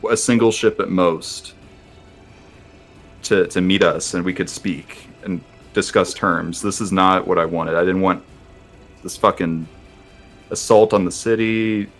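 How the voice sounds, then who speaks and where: Man as low-voiced, contrite adventurer. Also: steady tone, faint music behind. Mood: defensive, regretful. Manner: halting, earnest, apologetic. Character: contrite adventurer who misjudged and owns up. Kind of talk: tabletop role-play dialogue.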